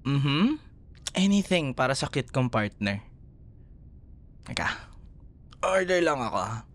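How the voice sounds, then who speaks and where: In an intimate ASMR roleplay, a man with a Filipino accent plays an affectionate, playful young boyfriend comforting a scared partner in one-sided dialogue. His medium-pitched voice is sing-song and slow, and he's teasing and tender, chuckling often.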